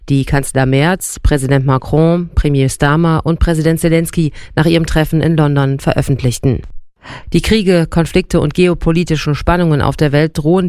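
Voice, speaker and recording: Male radio news guy, smooth and clear, very dry sound, scripted read. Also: a little high, a little mellow, dry recording. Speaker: radio newsreader.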